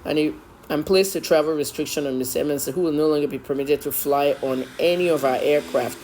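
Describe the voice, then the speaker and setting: A woman's voice: sits low, a little fast, mellow, a little hiss or hum. A middle-aged woman with a Nigerian accent giving opinionated news commentary as a journalist, emphatic, blunt and scolding.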